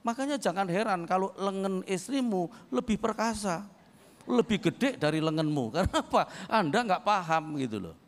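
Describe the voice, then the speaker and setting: An older man from East Java, a pastor giving a humorous sermon, telling stories and swinging from low asides to loud shouted points. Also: animated, moderate pace. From East Java, Indonesia. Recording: long hall reverb.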